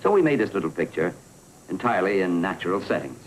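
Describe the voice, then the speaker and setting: A man with a deep yet expressive voice looks back on his filmmaking. He speaks slowly and deliberately, with a faint hum of ambience behind him. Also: low-quality recording. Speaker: filmmaker interviewee. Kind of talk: documentary interview.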